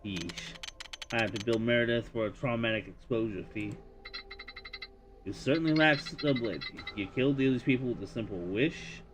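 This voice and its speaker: A man voicing a tired male detective who speaks in a dry, low-key, deadpan way. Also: normal speed, background noise, lightly acted. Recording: music playing behind voice.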